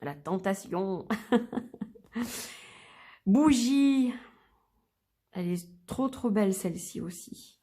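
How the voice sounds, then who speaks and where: A woman reviewing an oracle card deck in a gentle, admiring way, reading the booklet aloud and naming each card. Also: on the low side, normal speed. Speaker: card reader presenting a deck. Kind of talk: unboxing and review.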